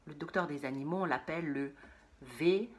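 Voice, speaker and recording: A woman teaching a phonics lesson to young children, saying words slowly and repeating them, sometimes in a whisper. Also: low voice.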